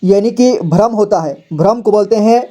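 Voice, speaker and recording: A man teaching reading in a slow, patient lesson, spelling each word out and repeating it several times. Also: high-pitched, warm tone. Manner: patient, repeats each word slowly and often says "ठीक है".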